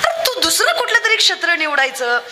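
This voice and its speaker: A woman's voice: very high voice, very animated, fairly quick, pushed and bright. A young woman preaching a rousing kirtan sermon, calling out to the crowd and acting out voices in her stories. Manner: fiery, rousing, addresses crowd directly, acts out funny voices in stories. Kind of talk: devotional kirtan sermon with storytelling.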